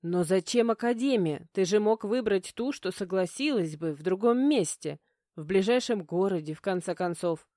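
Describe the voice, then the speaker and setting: A woman's voice: mid-range voice, normal speed, mellow, dry recording, studio quality, lightly acted. A woman reading an audiobook, voicing a defiant, frightened young woman who talks back indignantly. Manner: indignant, pleading.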